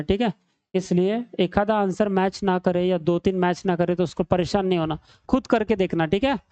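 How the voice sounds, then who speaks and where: Teasing and chatty, a man runs an exam-prep reasoning lesson at a screen, addressing students as beta and bhai, meaning son and brother. His voice sits high with a darkish, resonant, clear tone, and there's no echo.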